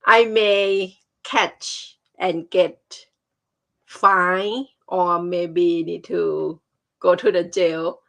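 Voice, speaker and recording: A woman with a Thai accent, a non-native speaker whose first language is Thai, casually telling personal stories and often pausing to search for words. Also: on the low side, steady tone, vocal fry, fairly bright tone. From Thailand.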